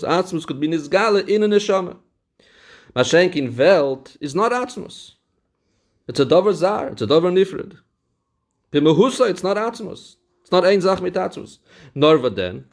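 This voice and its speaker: Yeshivish guy giving a shiur, bit high voice, keeps repeating the key bits. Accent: Yeshivish English. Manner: mixes English with Hebrew and Yiddish terms; repeats key phrases for emphasis. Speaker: Torah teacher.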